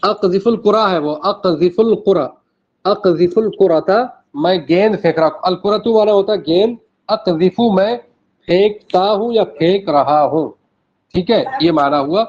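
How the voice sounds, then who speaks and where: A male teacher with a fairly high voice takes his class through vocabulary, one word at a time. He repeats each phrase and checks in with the students as he goes. The recording is dull and lo-fi. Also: darkish tone. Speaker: Arabic teacher. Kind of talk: classroom language lesson.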